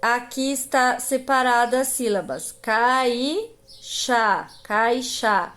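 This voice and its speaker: Brazilian woman teacher for a kids' lesson, slow and patient, a touch high. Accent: Brazilian Portuguese. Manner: slow, patient, stretches out example words. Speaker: primary school teacher. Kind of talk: recorded grammar lesson.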